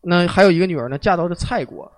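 A man hosting a podcast, telling history as lively, joking, colloquial stories. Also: sits high, quick pace, dry recording. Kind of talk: casual storytelling chat.

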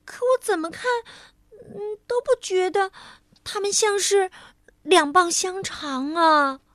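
A woman's voice: very high-pitched, takes it slowly, fairly bright tone, dry recording, studio quality, pitched above the performer's own voice, full character voice. A woman voicing a scatterbrained, absent-minded lady who stammers and hesitates. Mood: puzzled insistent.

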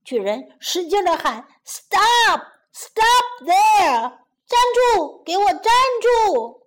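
A roaring, furious giant from a children's storybook, put on by a woman narrator. He yells his threats in a high, swooping voice that leaps all over. The pace is slow and heavy. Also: expressive. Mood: furious shouting. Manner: shouting angrily. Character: angry huge male giant.

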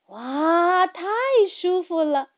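A woman's voice: very high voice, animated, measured pace, pitched above the performer's own voice. A woman voicing a little cat-fish creature, childlike and squealing, in a children's storybook. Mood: excited. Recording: tinny phone-like sound.

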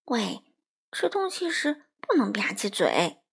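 A prim storybook rabbit who knows best and corrects everyone, as a woman reader voices it. The voice is slow and gently breathy. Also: a little high, big pitch swings, exaggerated voice. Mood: fussy. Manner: fussy, correcting. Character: fussy know-it-all long-eared rabbit.

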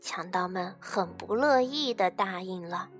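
A woman narrating a children's story with an expressive, lively storybook delivery. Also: medium pitch, a little slow, slightly rough, soft background music.

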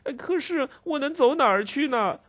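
A man voicing a ragged homeless boy who pleads while crying, his voice cracking high and breathless. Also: expressive, moderate pace, a bit bright. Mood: sobbing, desperate.

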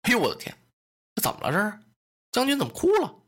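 Man doing a jumpy young soldier, higher-pitched, flustered. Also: wildly swooping pitch, fast talker, fairly bright tone, slightly rough, full character voice. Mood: alarmed. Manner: startled, fussy exclamations. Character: anxious young male soldier.

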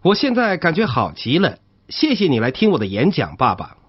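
A husky man gives a motivational lecture, his pitch rising and falling widely as he explains step by step. He keeps turning questions back to the audience. The recording sounds dull and lo-fi. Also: wildly swooping pitch, a little fast. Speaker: speaker giving a talk on listening.

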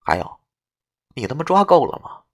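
A man voicing a female ghost who talks coldly and scolds quickly. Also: medium pitch, very animated, darkish tone. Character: cold, exasperated female ghost.

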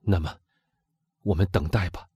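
A man's voice: deep voice, steady tone, moderate pace, breathy edge, no room sound, lo-fi sound. A man voicing an ardent young man in love, speaking with fervent, urgent pleading in an audiobook reading.

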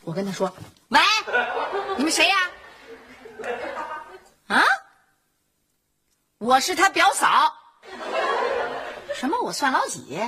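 A woman's voice: fairly high pitch, slow pace, long pauses. A woman playing a brash, feisty wife in a family sitcom who talks boldly and sharply. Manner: bold, sharp-tongued, animated. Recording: noisy TV sitcom soundtrack.

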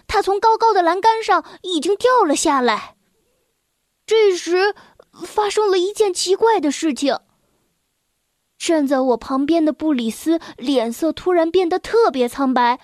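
A woman storyteller reading a children's story aloud in a gentle, expressive way. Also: extremely high pitch, dry recording, clean studio sound.

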